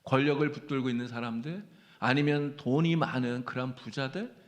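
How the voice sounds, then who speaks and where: A man's voice: mid-range voice, fairly even intonation, normal speed. A male pastor preaching a sermon, asking the congregation rhetorical questions and acting out quoted prayers.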